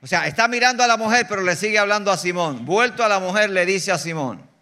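A man with a Puerto Rican accent preaching an animated sermon as a guest preacher, teasing the congregation and swinging between loud bursts and quiet asides. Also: high voice, fast. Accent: Puerto Rican Spanish. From Puerto Rico. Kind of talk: lively sermon. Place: church sanctuary.

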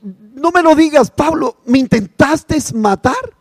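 A man preacher voicing a tearful wife confessing to her husband, pleading and rising into high cries. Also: lively intonation, slow, darkish tone, no room sound, studio quality.

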